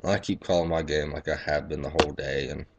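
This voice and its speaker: A man's voice: rumbling low, steady tone, a little fast, muffled recording, very noisy. A young man, a baseball umpire, telling blunt, profanity-laced stories in a casual vlog. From Texas. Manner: profane, blunt, boastful storytelling.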